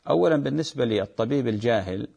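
A man, a sheikh reading listeners' questions and giving measured religious advice, turning emphatic when he warns. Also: medium pitch, gravelly, breathy edge, muffled recording. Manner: calm, measured, advising, grows emphatic when warning. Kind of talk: reading and answering fatwa questions.

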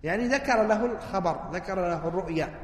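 In a big, echoing hall with lengthy reverb, a male teacher with a high-pitched voice works through hadith texts. He keeps pausing to ask listeners something, then answers his own question.

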